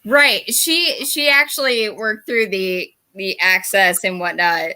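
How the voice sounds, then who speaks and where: A woman's voice: mid-range voice, slow, pushed and bright, no room sound. A woman, a mother joining as a guest over a video call, chatting in a friendly way. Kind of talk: casual chat.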